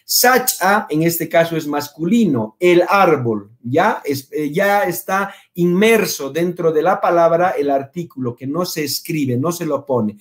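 Guy with a high voice teaching quechua online, slow and patient, keeps asking "ya?". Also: expressive. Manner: patient, repeats words and checks understanding with "¿ya?"; pronounces Quechua words slowly, then translates. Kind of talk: online language lesson.

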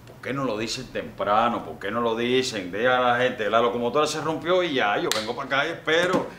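A man's voice: medium pitch, fairly quick, reverberant, background noise, lightly acted. A man with a Cuban accent playing a weary older man stranded by a broken train, sighing and complaining to himself in a comedy sketch. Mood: grumbling.

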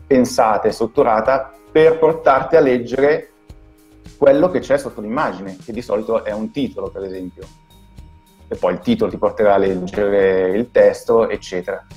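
A man with an Italian accent, a guest designer, explaining things in a halting way that repeats words over a video call. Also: medium pitch, a little mellow. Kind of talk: casual video call interview.

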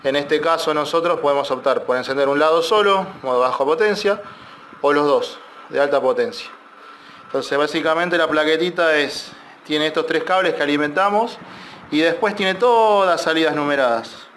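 A man with a slightly high voice walks through a repair job step by step, loose and unscripted, pausing on fillers and restarting his sentences. A faint hum of the workshop sits under his voice. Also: fairly bright tone. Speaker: electronics repair technician. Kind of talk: casual technical tutorial.

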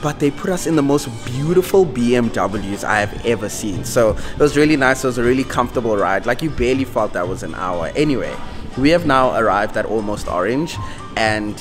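A man's voice: mid-range voice, animated, a little fast, over music. A young man, chatting casually to a handheld camera in a vlog, rambling with self-joking asides. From South Africa. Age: young adult. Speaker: vlogger. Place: home indoors, then an outdoor farm venue. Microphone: camera held at arm's length.

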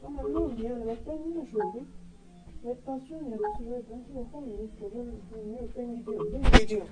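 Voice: mid-range voice, brisk, rough recording. A gamer doing casual gameplay commentary, grumbling and cursing in loose slang with an exasperated manner. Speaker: gamer commentating own play.

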